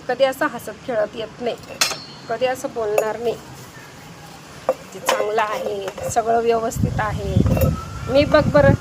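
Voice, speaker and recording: High-voiced chatty teasing woman outdoors. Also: very noisy. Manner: chatty, teasing, bossy hostess. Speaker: comedy video creator. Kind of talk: one-sided comic monologue to visitors. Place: outdoors by her home while washing dishes.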